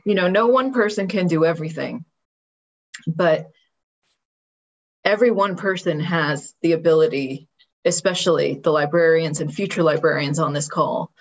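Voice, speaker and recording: A woman speaking as a panelist in an online symposium, measured and thoughtful, listing ideas one after another. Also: low-pitched, dull audio, a little hiss or hum.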